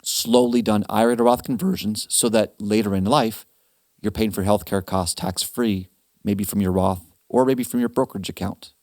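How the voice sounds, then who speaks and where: A man hosting a retirement planning webinar, talking casually with animated asides and quick restarts. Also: fairly low pitch, no echo, studio quality. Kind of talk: casual advice talk.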